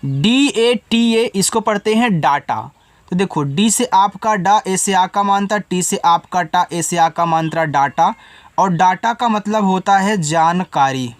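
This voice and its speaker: A man teaching beginners English spelling, reading out words letter by letter, slowly and patiently. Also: high voice, dry recording. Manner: patient, coaxing teacher talk.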